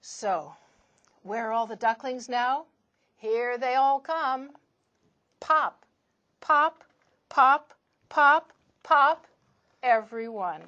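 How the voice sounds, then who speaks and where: A woman reading a picture book aloud to children in an expressive storytelling manner. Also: fairly high pitch, extremely slow, pauses often, dull audio. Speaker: storytime reader.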